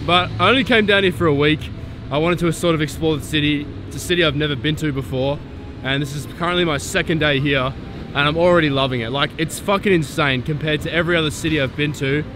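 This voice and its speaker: A man in his twenties filming himself at arm's length as he walks a city and a rooftop, talking casually and swearing freely. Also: on the high side. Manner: laid-back, swears freely, excitable. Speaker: photography vlogger. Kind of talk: casual vlog. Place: outdoors in a city and on a rooftop terrace. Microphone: handheld camera at arm's length.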